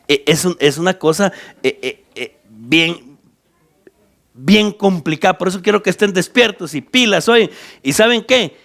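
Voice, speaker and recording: A man's voice: high voice, lively intonation, a little slow, creaky, fairly bright tone. A Guatemalan man who is a pastor, teaching a Bible study to church leaders and explaining scripture point by point with direct questions to his listeners. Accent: Guatemalan Spanish.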